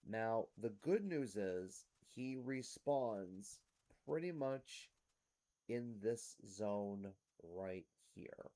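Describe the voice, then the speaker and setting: A man with a fairly low voice hosts a gameplay series. He talks casually and explains things step by step as he speaks directly to his viewers. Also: mellow. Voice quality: rough smoker's-type cough.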